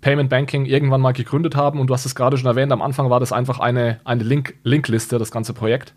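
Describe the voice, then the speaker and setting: A man hosts a podcast interview and puts questions to his guests in a quick flow. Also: medium pitch, flat delivery. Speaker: podcast host.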